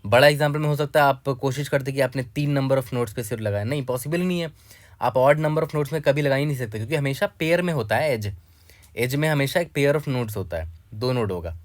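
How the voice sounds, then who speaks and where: A brisk, mid-pitched man, a coding tutor, works through a coding problem on a whiteboard one step at a time. His conversational manner speaks straight to the viewer, repeats "ठीक है" often, keeps asking whether things are clear, and mixes in technical terms. The recording is close and dry, with no room echo.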